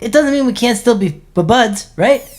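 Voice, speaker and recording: A woman's voice: a little high, moderate pace, slight background noise, close to an everyday voice. A woman playing a laid-back male cyborg surfer who stammers and drawls. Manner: stammering, mellow surfer talk.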